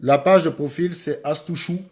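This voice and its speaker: A man's voice: fairly high pitch, normal speed, darkish tone. Man urging live stream viewers. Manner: urgent, repetitive urging of viewers. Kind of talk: casual live stream chat.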